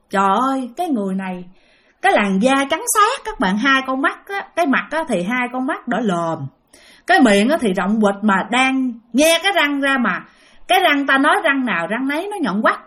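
Woman, Southern Vietnamese accent, ghost story narration, high-pitched, very lively pitch, addresses listeners. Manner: animated, repetitive, speaks to listeners directly.

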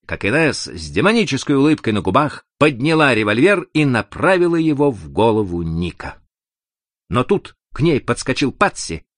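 A man narrating an adventure audiobook in an expressive, dramatic reading. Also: mid-range voice, dry recording, studio quality.

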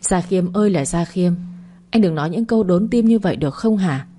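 A woman's voice: fairly low pitch, lively intonation, brisk, warm tone. A woman voicing a flustered, protesting young woman who runs a flower shop, in an audiobook romance.

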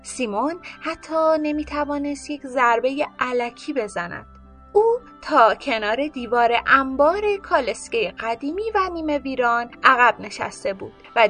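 Animated woman reading a bedtime story. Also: sits high. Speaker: radio storyteller host. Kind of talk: scripted bedtime story narration.

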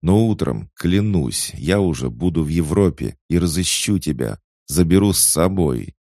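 A man with a deep, gravelly voice playing a desperate young man who pleads urgently with his sister, his voice breaking. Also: expressive, measured pace, dark tone, no echo, studio quality, heavily acted.

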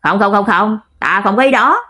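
A woman voicing a blunt, loud male general who talks hastily. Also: medium pitch, normal speed, slightly rough. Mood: hasty.

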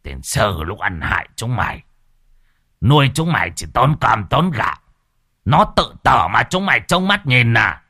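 A man's voice: mid-range voice, sing-song, normal speed, pushed and bright, husky, heavily acted. A man voicing a greedy, cruel old village chief who screams abuse at his servants. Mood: furious. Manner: screaming, abusive tirades.

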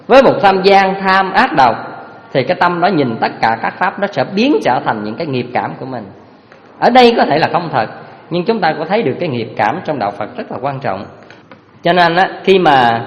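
Lively teacher. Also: male voice, fairly high pitch. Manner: lively, animated storytelling, addresses listeners directly. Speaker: Buddhist Dharma teacher. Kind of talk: storytelling sermon. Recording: reverberant hall.

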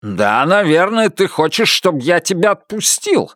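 A man's voice: on the high side, big pitch swings, a little slow, no echo, voice pushed up. A snarling, bullying middle-aged husband, put on by a male reader, his voice pushed well up and swinging wildly as he barks orders. The sound is dry and close, with no room around it. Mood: menacing. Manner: shouting, snarling, contemptuous.

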